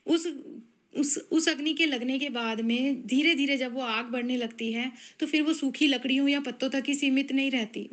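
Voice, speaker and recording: A woman giving a devotional discourse, explaining at a measured pace with frequent pauses and fillers. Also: high-pitched, a bit bright. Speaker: spiritual speaker.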